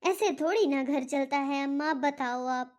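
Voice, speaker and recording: A woman's voice: high-pitched, unhurried, darkish tone. A woman voicing a strict, stubborn middle-aged father in a cartoon. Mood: insistent. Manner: stern, stubborn, lecturing. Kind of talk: cartoon voice acting.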